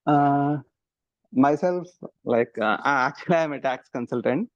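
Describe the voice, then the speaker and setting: A man from India introducing himself on a video call in a relaxed, halting way. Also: mid-range voice, dry recording. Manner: relaxed, halting, uses 'like'. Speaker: webinar attendee. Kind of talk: casual self-introduction. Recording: dry, dull video-call audio.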